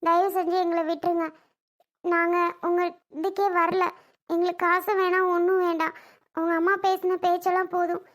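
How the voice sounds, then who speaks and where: A woman playing a young daughter who defends her mother with sharp, pleading insistence in a family drama skit. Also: very high-pitched, level tone, moderate pace. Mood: angry, pleading.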